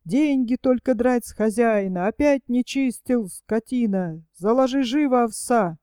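A woman's voice: fairly high pitch, a little slow, dark tone, smooth, no room sound, clean studio sound, natural voice. A woman voicing a grumpy, angry landowner who scolds his servants, in an audiobook. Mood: scolding. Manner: scolding, abusive.

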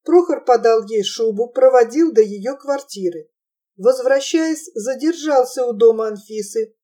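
A woman reading a novel aloud as an audiobook narrator, in an even, measured storytelling manner. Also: a little high. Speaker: audiobook reader.

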